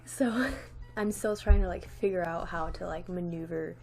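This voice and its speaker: A young woman vlogger chats casually to camera, rambling with lots of "like," restarts and light laughs, and a slight lisp from her new retainer. Her voice is on the low side and creaky at a moderate pace, with music playing in the background.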